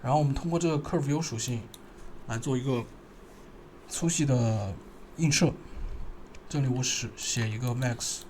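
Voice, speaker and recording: A man narrating a screen-recorded software tutorial, thinking aloud and pausing as he works. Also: mid-range voice, a little hiss or hum. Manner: thinking aloud, halting, pausing while working.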